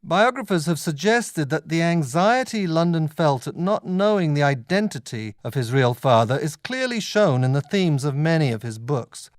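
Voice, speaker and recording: A man performing as a scholarly male literature lecturer with a slightly raised pitch. He explains things in deliberate, measured phrases, as in a scripted academic lecture. The sound is dry, with little room echo. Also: close to an everyday voice.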